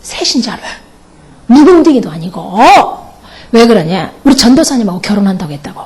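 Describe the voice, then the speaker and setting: A middle-aged pastor's wife giving a lively testimony sermon, laughing often and mimicking other people's voices. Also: female voice, medium pitch, a little fast.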